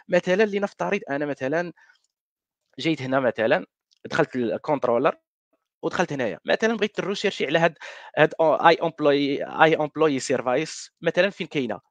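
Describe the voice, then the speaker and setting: Brief: Moroccan man presenting a tech workshop, rapid and animated, French words mixed in, dry close sound. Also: on the high side, no room sound. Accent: Moroccan Darija. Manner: mixes French words, many restarts and fillers. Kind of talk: live coding walkthrough.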